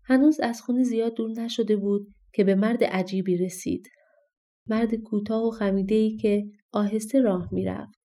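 A woman narrating a fairy-tale audiobook in a calm, expressive storybook reading. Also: mid-range voice.

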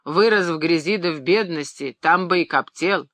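An audiobook reader voicing a pompous, excitable middle-aged male pharmacist who shouts and rants in outrage, raising the voice high and loud. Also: moderate pace, no room sound, close to an everyday voice. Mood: furious ranting. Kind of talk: audiobook character reading.

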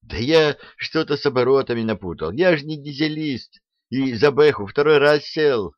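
A man's voice: mid-range voice, animated, normal speed, no echo, voice pushed up, natural voice. A man voicing a clumsy young army mechanic making sheepish excuses, on a dull, dry, lo-fi recording.

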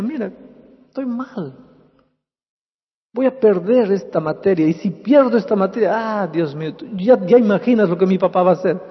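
Man doing a sad twelve-year-old girl at prayer. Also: high voice. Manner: tearful, rambling complaint. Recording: dull lo-fi hall reverb.

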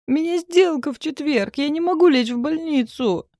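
A woman's voice: fairly low pitch, brisk, mellow, dry recording, clean studio sound, natural voice. A woman voicing an anxious, complaining young office worker in an audiobook. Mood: panicked. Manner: panicky, complaining. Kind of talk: audiobook reading.

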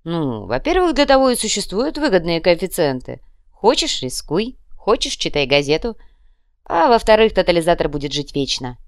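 A woman reading a fantasy audiobook, voicing a fussy, flashy male club manager who is quick to complain. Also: lowish voice, big pitch swings, no echo, clean studio sound. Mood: boastful.

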